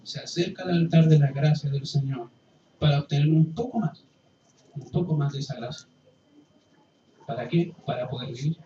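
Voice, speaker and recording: A man preaching a sermon as pastor, impassioned, swinging from loud pleading to hushed, quiet passages. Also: a little high, normal speed, long pauses, slight background noise. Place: church hall. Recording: roomy, distant, dull church recording with faint ambience.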